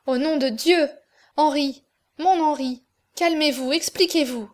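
A woman's voice: fairly high pitch, steady tone, moderate pace, a little mellow, natural voice. A woman reading the part of a tender, earnest young woman in love in an audiobook. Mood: fervent. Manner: earnest, fervent, tearful.

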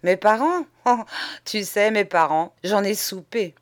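A woman's voice: mid-range voice, lively intonation, a little slow, natural voice. A woman voicing a cynical, spoiled young Parisian man with a drawling Paris accent, mocking and gleeful, in an audiobook. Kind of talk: audiobook character voice.

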